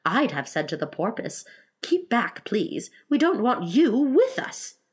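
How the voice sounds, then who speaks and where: A woman's voice: a little high, big pitch swings, measured pace, fairly bright tone, voice pushed up, exaggerated voice. Woman playing polite, hesitant storybook girl Alice. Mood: timid. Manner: hesitant, stammering. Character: polite, curious, timid young girl Alice. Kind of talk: storybook character reading.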